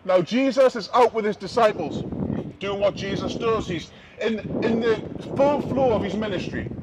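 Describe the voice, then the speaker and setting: High-voiced street preacher. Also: male voice, normal speed, background noise. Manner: emphatic, repeats key phrases, shifts between loud and hushed. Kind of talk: open-air street preaching. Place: outdoors on a city street.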